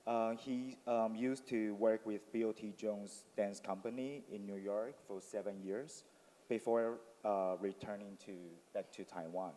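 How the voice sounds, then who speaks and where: Low, mellow man on a panel. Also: steady tone, unhurried. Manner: reflective, explanatory, many fillers. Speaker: artist on a panel. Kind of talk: panel talk. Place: forum venue with audience. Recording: long reverb of a hall.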